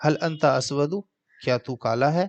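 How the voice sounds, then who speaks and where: A man teaching an Arabic grammar lesson, translating word by word in a slow, patient way. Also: fairly high pitch, gravelly, muffled recording.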